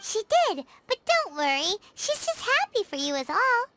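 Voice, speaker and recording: A squeaky bubbly fairy sidekick. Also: female voice, big pitch swings, moderate pace, background noise. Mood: reassuring. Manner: bubbly, talks of herself by name. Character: tiny chirpy floating fairy companion, female. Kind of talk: game voice acting. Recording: loud game music behind.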